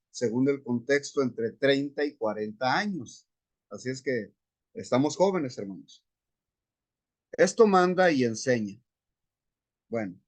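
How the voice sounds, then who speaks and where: Slow, measured male Bible teacher. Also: mid-range voice. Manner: unhurried, explains Greek words step by step. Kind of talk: Bible class lecture. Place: church classroom.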